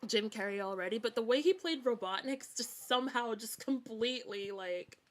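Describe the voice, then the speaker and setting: Her voice sits a little high and moves at a moderate pace as she chats on her gaming livestream. She's from Scotland, with a mixed American and British Scottish accent, and her talk wanders hesitantly, repeating phrases as it circles back.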